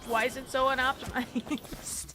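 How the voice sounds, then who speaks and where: High-voiced woman, rambling stream chat. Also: little pitch movement, a little slow. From American Midwest. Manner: rambling and chatty, heavy on fillers, laughs often. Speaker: VTuber game streamer. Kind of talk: casual gaming stream chat. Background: game music.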